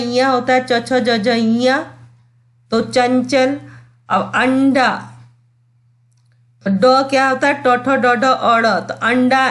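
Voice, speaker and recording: A woman teaching a grammar lesson to schoolchildren, sounding out letters slowly and checking that the class follows. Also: high voice. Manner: slow and explanatory, checks understanding with "clear?" and "theek hai".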